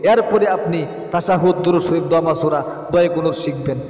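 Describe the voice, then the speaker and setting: A man teaching how to say the prayers, giving quick, insistent instructions and correcting pronunciation between slow, melodic chanted lines. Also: on the high side, darkish tone, roomy sound, big-room sound, recorded from a distance. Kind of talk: teaching prayer recitation, chanting Arabic phrases.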